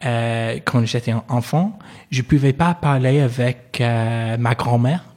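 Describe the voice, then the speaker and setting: A young Englishman in his twenties is being interviewed casually, speaking French as a learner with an English accent. His medium-pitched, darkish voice moves a little slowly, and he hesitates often, filling gaps with fillers and repeated "yes."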